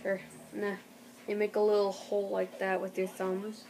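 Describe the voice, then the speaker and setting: A young woman giving a casual home tutorial in a halting, rambling way, as an amateur host. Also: medium pitch, completely flat delivery, a little mellow. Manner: halting, rambling delivery with throat clearing. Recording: noticeable background noise, amateur home recording.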